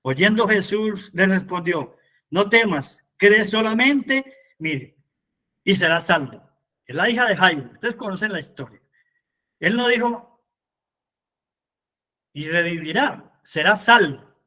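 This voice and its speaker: A man leads a Bible study as its preacher. His voice sits high for a man. He moves between reading scripture aloud and fervent appeals to the people listening. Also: lively intonation, measured pace, pauses often, sharp tone.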